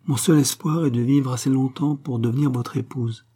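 A man's voice: medium pitch, steady tone, normal speed, mellow, breathy edge, pitched above the performer's own voice, natural voice. A man reading an audiobook voices an earnest young woman, a devoted fiancée who talks in a pleading, insistent way.

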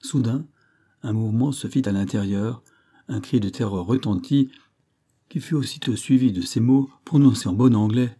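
A man reads an adventure novel aloud in a deep, dark tone. His pitch sits low, and he lifts it noticeably for the quoted lines of dialogue. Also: normal speed. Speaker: audiobook reader. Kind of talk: scripted narration of a classic novel.

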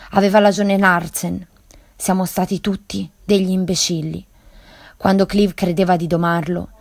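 A woman reading as a shaken, remorseful male cowboy, in her own lowish voice. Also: darkish tone, dry recording, clean studio sound, natural voice.

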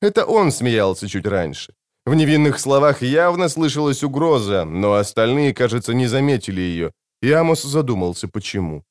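A man narrating an audiobook with an expressive reading of a science-fiction novel. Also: medium pitch, normal speed, no echo, studio quality.

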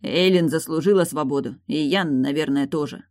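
A woman's voice: deep voice, moderate pace, a little mellow, dry recording, studio quality, close to an everyday voice. A woman doing a weary, curt male investigator. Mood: terse. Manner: terse, tired, defensive. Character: weary curt man, lead guard investigator.

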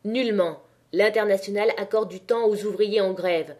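A woman's voice: mid-range voice, moderate pace, darkish tone, lightly acted. A woman reading the part of an earnest, idealistic young male miner leader who speaks in a pleading way, in an audiobook.

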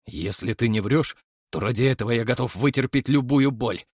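A man's voice: mid-range voice, moderate pace, darkish tone, husky, no echo, studio quality, lightly acted. A man voicing a huge bald brute who sighs heavily and grumbles. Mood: fervent.

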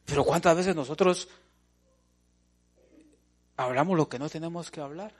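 A man preaching a sermon, lively, swinging from loud to hushed as he calls the listeners brother. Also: on the high side, normal speed. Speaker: pastor.

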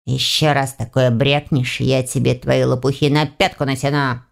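Woman voicing a gruff low forest spirit. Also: flat delivery, moderate pace. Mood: grumbling. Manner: blunt, grumbling. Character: gruff young male forest spirit, rude.

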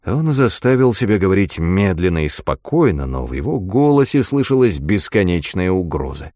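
A man narrating an audiobook in an expressive literary style. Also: sits low, moderate pace, dry recording, clean studio sound. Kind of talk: audiobook reading.

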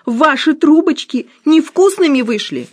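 A woman voicing Musya, a shrill wailing housekeeper. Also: lively intonation, measured pace. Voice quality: shrill, howling. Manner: old-fashioned servile speech.

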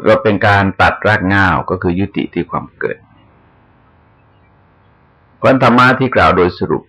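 Older male monk, measured sermon delivery, very low and creaky. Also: expressive, fairly bright tone. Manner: slow, measured explaining with pauses. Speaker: Buddhist monk.

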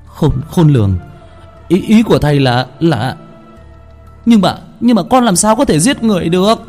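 A man voicing a panicked young village man who stammers in high, strained cries. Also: animated, moderate pace, a little mellow, soft background music.

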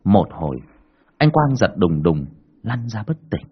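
A man narrating a horror story in an expressive, dramatic way. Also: lowish voice, measured pace, husky. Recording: dull lo-fi recording.

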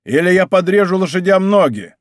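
Guy reading as a gruff gate guard boss, blunt and threatening, lively voice, dry sound. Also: sits high, fairly quick, no room sound, voice pushed up. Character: gruff male gate-watch chief, stubborn and threatening.

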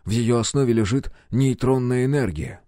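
A man's voice: mid-range voice, moderate pace, warm tone, dry recording, studio quality, natural voice. A man reading an audiobook and voicing a touchy male ship engineer who explains things in a raised voice. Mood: explaining.

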